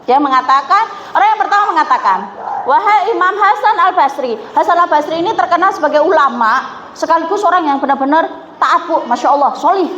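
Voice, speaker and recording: A woman's voice: high-pitched, expressive, quick pace, a bit bright, a little hiss or hum. A woman preacher, giving a conversational sermon, often questioning her listeners and acting out quotes. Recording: echoey hall, dull lo-fi sound.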